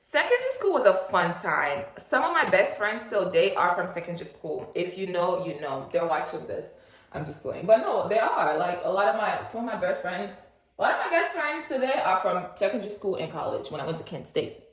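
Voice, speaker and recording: A woman's voice: lowish voice, big pitch swings, a little fast. Chatty young woman in an echoey room. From Nigeria. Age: 20s. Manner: rambling, chatty, lots of fillers and asides. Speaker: vlogger. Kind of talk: casual chat, get-to-know-me story.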